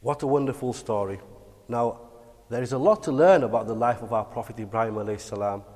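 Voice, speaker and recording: A man telling religious bedtime stories to children like a kids' show host, animated and encouraging. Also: mid-range voice, fast. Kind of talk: dramatic bedtime religious storytelling. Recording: long hall-like reverb.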